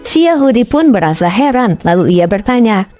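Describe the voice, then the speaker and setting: A woman narrating a string of comic short stories in an even, clear storytelling delivery. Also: medium pitch, moderate pace, no echo, lo-fi sound, soft background music.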